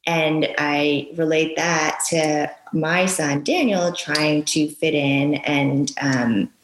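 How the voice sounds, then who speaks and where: A woman guest, a Japanese native speaker raised in New York, talking earnestly with frequent pauses and ums in a casual interview. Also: low voice, steady tone, a little hiss or hum. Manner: earnest, halting, many ums. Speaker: guest author, parent. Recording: echoey room.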